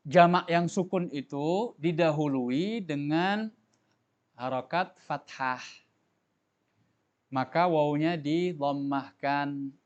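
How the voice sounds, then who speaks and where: A male teacher giving a tajwid lesson to a class, explaining patiently, asking questions and having students repeat after him. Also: on the high side. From Indonesia. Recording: dull lo-fi recording.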